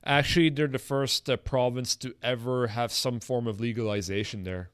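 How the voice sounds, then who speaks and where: A man with an Acadian French Canadian accent, hosting a casual bilingual interview in an informal, halting way. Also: mid-range voice, fairly even intonation, no echo, clean studio sound. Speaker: host.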